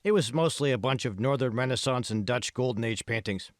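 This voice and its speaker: Here a man portrays a smooth, self-assured tech billionaire and smug art patron for an audiobook, explaining things and driving his point home. He speaks in his natural mid-range voice, a little fast, in a dry, studio-quality recording.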